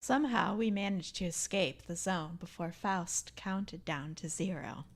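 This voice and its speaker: A woman's voice: on the low side, measured pace. A woman reading game dialogue aloud in a theatrical manner, breaking off for casual asides.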